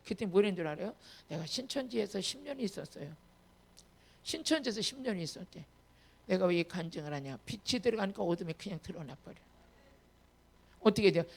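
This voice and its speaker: A woman pastor giving an emphatic sermon with personal testimony, her delivery rising to loud commands. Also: medium pitch, creaky.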